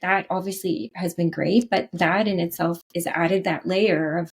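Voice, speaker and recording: In an interview conversation, a Canadian woman who works as a leadership consultant speaks as a podcast guest with a lowish voice, steady tone, and slightly slow pace. Her Canadian English is earnest, sprinkled with frequent "right?" check-ins and restarts.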